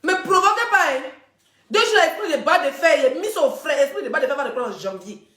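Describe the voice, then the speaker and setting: A woman, hosting a casual live stream and telling gossip straight to her viewers in a chatty, animated way. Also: high-pitched, brisk, reverberant. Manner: chatty, animated storytelling, addressing viewers directly.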